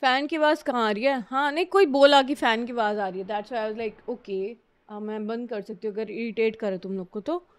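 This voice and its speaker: A woman's voice: a little high, moderate pace. A woman with an Indian accent chatting casually on a live stream, greeting and answering her viewers while switching between Hindi and English, in a room at home with a fan running.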